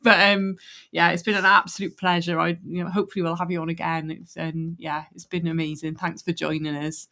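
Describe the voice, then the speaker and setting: A woman's voice: on the low side, little pitch movement, fairly quick, creaky, sharp tone. Chatty woman hosting a show. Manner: chatty, laughs often, many fillers. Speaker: host. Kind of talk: casual chat.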